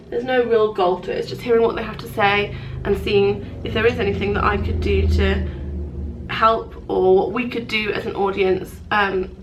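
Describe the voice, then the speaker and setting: A woman's voice: fairly high pitch, fairly bright tone, slight background noise, poor audio. A woman, chatting casually in a rambling, self-mocking vlog. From England. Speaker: vlogger. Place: hotel room, then outdoors in a city.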